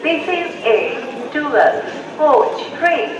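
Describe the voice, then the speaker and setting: A woman's automated train announcement played over a railway station loudspeaker, read in slow, evenly spaced, pieced-together words. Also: sits high, expressive, roomy sound, highs cut off, a crowd in the background. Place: railway platform, outdoors. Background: trains and station ambience.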